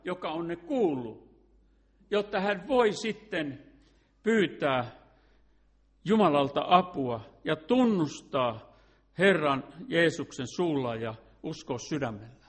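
An earnest man delivers a sermon, his voice sitting a little higher than most men's. He leans on rhetorical questions and now and then restarts a phrase as he works through his point. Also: animated, husky. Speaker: preacher.

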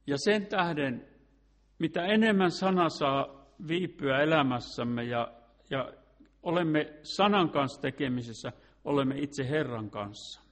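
A man's voice: a little high, expressive. A man preaching a sermon in an earnest way, asking rhetorical questions and sometimes restarting a phrase.

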